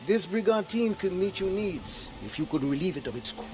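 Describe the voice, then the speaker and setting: Speaking a little fast in an expressive, high-sitting voice, an actor portrays the resolute, earnest leader of a freed-slave community in a game cutscene with music behind. He weighs each word and drops in French Creole proverbs.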